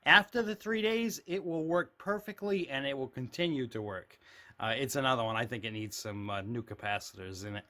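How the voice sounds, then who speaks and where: Behind a handheld camera, a man tours his indoor CB radio shack stacked with radios, chatting casually and off the cuff. His medium-pitched voice comes out brisk, pushed, and bright. He keeps things straightforward and matter-of-fact.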